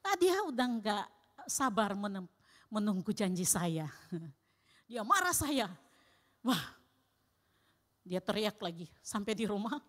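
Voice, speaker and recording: A woman preaching a sermon with personal testimony, emphatic, swinging between loud exclamations and quiet asides. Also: medium pitch, big pitch swings, takes it slowly, long pauses, long reverb tail.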